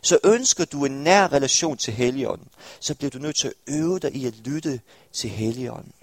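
Recorded dry, a young man from Denmark speaks at medium pitch while preaching to a church hall congregation. His tone is earnest, and he regularly turns to his listeners with questions.

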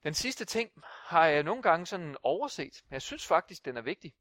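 A man's voice: fairly high pitch, very animated, a bit bright, no echo, studio quality. A man preaching a sermon in an impassioned, emphatic way, often repeating himself.

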